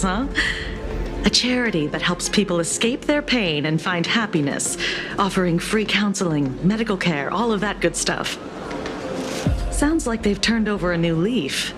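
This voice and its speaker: A woman playing a shrewd, teasing police detective in a video game, with a measured, skeptical delivery. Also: mid-range voice, animated, over music, lightly acted. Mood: dry, teasing.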